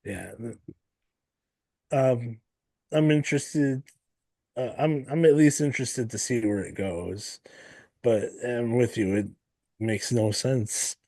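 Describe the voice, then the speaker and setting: A man co-hosting a podcast in a casual chat, speaking hesitantly with frequent pauses and restarts. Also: medium pitch, mellow, dry recording. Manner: slow and hesitant, many ums and restarts. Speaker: podcast co-host.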